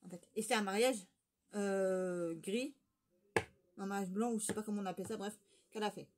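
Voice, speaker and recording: A woman's voice: medium pitch, steady tone, moderate pace, a little mellow. A woman vlogger telling a rambling, gossipy story in casual chat, with lots of fillers and restarts.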